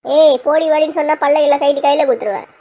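Shrill, rapid-fire old grandmother with a scolding, threatening manner, played by a woman. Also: steady tone, dark tone. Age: older. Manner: scolding, threatening, then tearful. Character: feisty quarrelsome old grandmother. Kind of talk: comic village skit acting.

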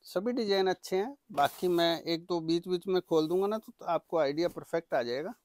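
Eager man pitching products, slightly high-voiced. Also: brisk, darkish tone, no echo, studio quality. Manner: eager, repetitive teleshopping-style sales pitch. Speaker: saree seller presenting products. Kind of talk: product sales demonstration.

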